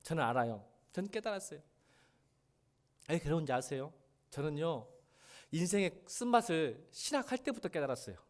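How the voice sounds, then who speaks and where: Male pastor, high and very animated voice, emotional sermon delivery in church. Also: normal speed, pauses often. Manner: emotional preaching, swinging between loud pleas and soft confiding asides. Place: church sanctuary.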